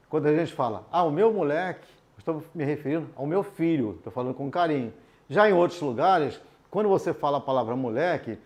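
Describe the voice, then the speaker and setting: Standing at a board, this man leads an adult literacy class in a slightly high, somewhat mellow voice. He takes his time, patiently explaining and pausing to ask the group "tudo bem?" to make sure everyone follows.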